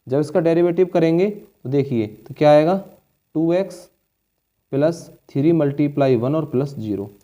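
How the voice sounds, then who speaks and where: This slightly high, dark voice belongs to a man moving at a moderate pace through a board-exam maths lesson. He explains each step with patience, checks in with the class frequently, and addresses his students as children.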